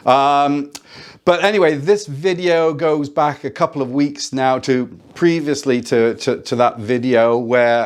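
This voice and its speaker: A man giving a casual, halting introduction to his running vlog. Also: lowish voice. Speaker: running vlogger.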